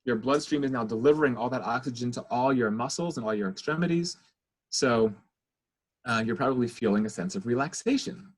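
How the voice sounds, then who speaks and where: Brisk and husky, this medium-pitched man is a middle-aged child therapist. Over a video call he hosts a parenting webinar, mixing lecture with guided breathing instruction for his audience.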